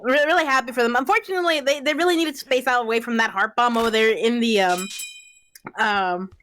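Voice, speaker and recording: A woman's voice: a little high, quick pace, fairly bright tone. A woman doing chatty color commentary on a video game match, hedging with fillers. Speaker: esports caster. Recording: music bed behind voice. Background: game music.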